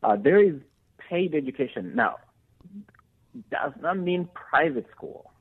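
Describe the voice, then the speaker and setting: Man with a gravelly voice on a phone line. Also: fairly high pitch, lively intonation, a little slow. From Uganda. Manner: earnest, with many fillers and restarts. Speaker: guest. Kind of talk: casual interview answers.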